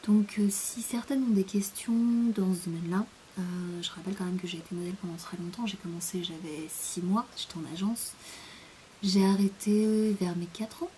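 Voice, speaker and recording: A woman's voice: medium pitch, moderate pace, mellow, a little hiss or hum. A young French woman chatting in a casual rambling monologue, hesitant, with many fillers, often sinking to a near-whisper. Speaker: vlogger.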